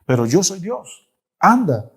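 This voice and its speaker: A man's voice: high voice, sing-song, takes it slowly, slightly rough, exaggerated voice. A man voicing God as a firm, insistent commander in a retold Bible story. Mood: commanding.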